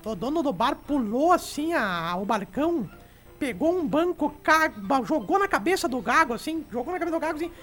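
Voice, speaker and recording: A man's voice: very high-pitched, very animated, a little fast, fairly bright tone, faint music behind, exaggerated voice. A man voicing a cheeky elderly grandmother who tells bawdy jokes on a radio show. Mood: joking. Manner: chatty joke-telling, stammering punchlines. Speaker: radio comic character.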